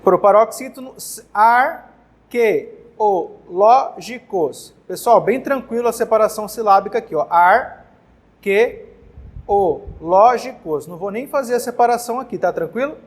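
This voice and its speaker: A man's voice: extremely high pitch, fast talker. A man with a Brazilian Portuguese accent teaching a grammar lesson for exam prep in a casual way, often restarting words and checking in with the class. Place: classroom with whiteboard.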